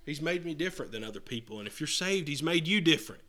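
Forceful, bright-voiced male preacher. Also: fairly high pitch, expressive, quick pace. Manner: earnest, repeats and restarts phrases, swings between loud and soft. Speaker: pastor. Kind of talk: sermon. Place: church hall with a congregation answering.

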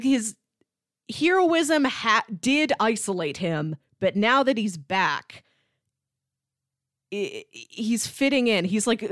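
As a podcast co-host, a woman debates films in relaxed, analytical conversation, dropping in asides along the way. Her mid-range voice is captured with studio quality and no echo.

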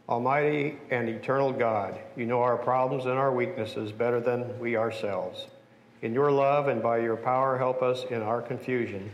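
Man praying in cathedral echo. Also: medium pitch. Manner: measured, solemn recitation. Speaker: worship leader. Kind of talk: liturgical prayer. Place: large church sanctuary. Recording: cathedral-like echo with long reverb, faint room noise.

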